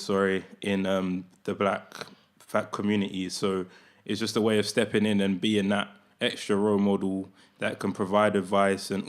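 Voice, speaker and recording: A man in his twenties, a podcast guest explaining his work in an earnest, thoughtful way. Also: fairly low pitch. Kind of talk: casual chat.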